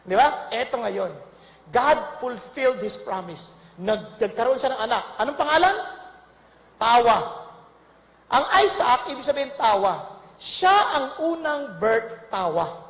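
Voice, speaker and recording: A woman preaches with a very high, lively voice that swoops up and down. She tells the story playfully and laughs often, asking the congregation questions. The sound rings around a large hall with a long reverb. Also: normal speed. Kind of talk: humorous Bible storytelling sermon.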